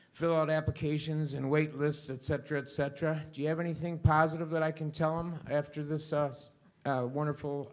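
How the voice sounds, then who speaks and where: A male counselor speaks from the audience at a talk. He asks an earnest, hesitant question. His voice stays very flat, with little rise or fall. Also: fairly high pitch. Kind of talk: question from the floor.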